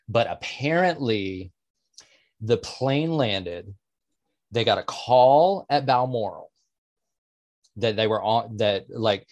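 A man's voice: fairly low pitch, darkish tone, dry recording. A man co-hosting a podcast, telling stories in casual chat with lots of fillers and some swearing. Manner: drawn-out, hesitant with many fillers, swears. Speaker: podcast co-host.

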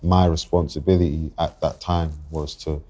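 A very deep, flat-voiced young man from London, in his 20s, is a guest rapper on a podcast interview. He speaks reflectively and haltingly, circling back to restart his thoughts.

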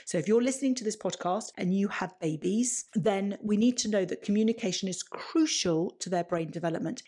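A woman's voice: fairly low pitch, a little mellow. A woman hosting a solo podcast, explaining advice step by step and often rephrasing as she builds lists. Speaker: parenting podcast host.

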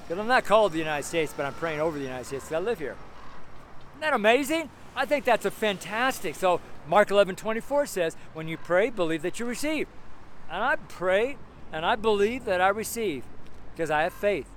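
This street preacher, a man in his seventies, has a high, fairly bright voice and speaks in an animated, fairly quick way. His strong, carrying sermon is loose and rambling, punctuated by exclamations and repeated phrases. The recording picks up traffic and outdoor noise from the city street around him.

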